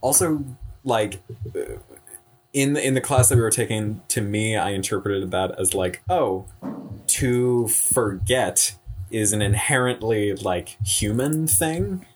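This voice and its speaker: Slow, low-voiced young man musing. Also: a little mellow. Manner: slow, searching, filler-heavy. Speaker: student in a class discussion. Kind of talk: casual discussion.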